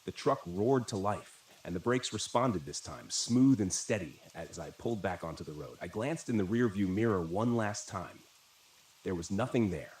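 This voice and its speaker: A man narrates a first-person horror story in a steady, dramatic way. His voice sits low. The recording has a roomy echo around it.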